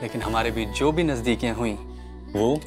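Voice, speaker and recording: An actor playing a husband who talks calmly and guardedly in a TV drama. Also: male voice, mid-range voice, moderate pace, loud music behind the voice, natural voice. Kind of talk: television drama acting.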